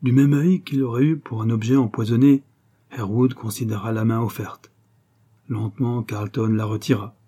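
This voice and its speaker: A man narrating a French literary story as an audiobook, in a measured, even way. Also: mid-range voice, slightly rough.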